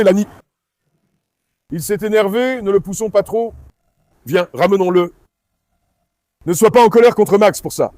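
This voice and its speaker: His voice is high-pitched and mellow, and the recording is dry. He's hosting a dog vlog outdoors at an industrial site, casually coaxing his dogs, telling a helper what to do, and repeating himself.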